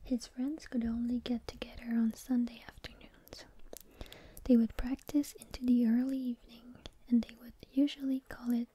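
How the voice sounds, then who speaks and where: Woman whispering asmr, super soft n mellow, breathy, reading stories and chatting casually, no rush. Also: on the high side, level tone, moderate pace.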